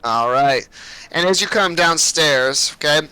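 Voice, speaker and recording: A man's voice: on the high side, animated, unhurried, bright, forceful tone, clear, resonant tone, low-quality recording. A man narrating as game master of a tabletop game, rambling loosely with plenty of fillers.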